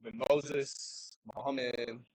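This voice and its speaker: A man's voice: mid-range voice, fairly even intonation, takes it slowly, a little mellow, husky, no room sound, rough recording. A man sitting in as a guest commentator, joking and teasing in casual chat.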